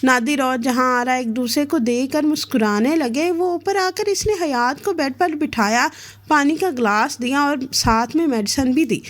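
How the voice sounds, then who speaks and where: Woman narrator for a read-aloud romance novel, steady and expressive, high voice. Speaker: novel reader.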